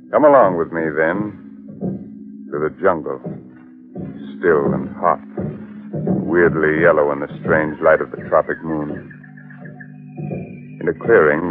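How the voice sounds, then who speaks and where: A man playing a sinister horror host and teller of strange tales, in 1940s radio acting style. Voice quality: low, sly, relishing menace. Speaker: show host. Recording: tinny old radio broadcast recording.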